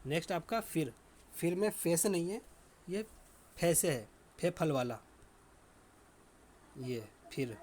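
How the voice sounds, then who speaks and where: A man teaching a children's language lesson, dictating words slowly and repeating them as he writes them out. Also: a little high, animated, a little mellow, a little hiss or hum. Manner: slow, repetitive dictation.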